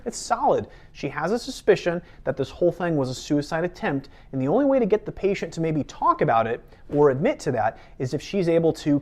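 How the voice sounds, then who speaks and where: A man, an emergency doctor, giving earnest reaction commentary on a medical drama. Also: on the high side. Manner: earnest, coaching tone.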